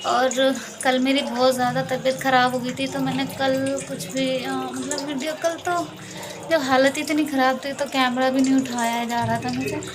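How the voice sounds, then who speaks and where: Woman, high voice, flat delivery, casual chatty vlog, rambling, building work and distant music behind. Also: moderate pace, a crowd in the background. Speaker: vlogger. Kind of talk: casual vlog chat to camera. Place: at home with building work nearby.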